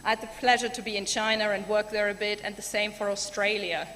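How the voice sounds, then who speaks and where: Quick-paced and flat in delivery, this German keynote speaker has a medium-pitched, fairly bright voice, though her talk is chatty and enthusiastic with lots of ums. The recording picks up the large hall's reverb and faint room noise.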